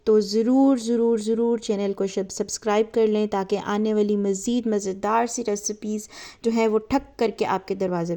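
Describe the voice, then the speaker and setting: A woman with a gravelly, slightly fried voice narrates a home cooking tutorial. Her tone is dark and mellow, and she talks in a chatty way, piling up fillers as she goes through each ingredient. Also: mid-range voice. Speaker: cooking channel host.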